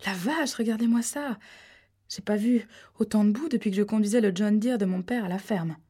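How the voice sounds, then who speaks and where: A woman's voice: medium pitch, fairly quick, warm tone, slightly rough, lightly acted. Woman playing a ditzy, babbling flirt. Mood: flirty. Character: scatterbrained flirty woman agent, chatty.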